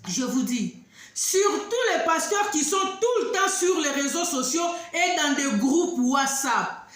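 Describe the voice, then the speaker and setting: A woman telling a story and warning her listeners, emphatic, with loud outbursts and low asides. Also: lively intonation, a little slow. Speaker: online talk host addressing women. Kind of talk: animated storytelling monologue. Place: living abroad in southern Africa. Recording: very echoey room.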